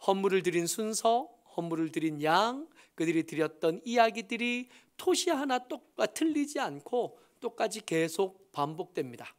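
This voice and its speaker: A man with a Busan accent preaching a sermon as pastor, explaining scripture slowly with frequent fillers and emphatic rises. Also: high-pitched, animated. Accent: Busan Gyeongsang.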